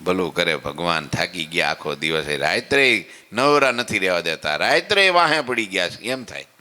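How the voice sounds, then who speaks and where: A man's voice: deep voice, sing-song, normal speed, pushed and bright, in a large hall. A man giving a devotional sermon, folksy and conversational, acting out listeners' complaints and asking if they follow. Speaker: swami giving morning katha. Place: temple hall.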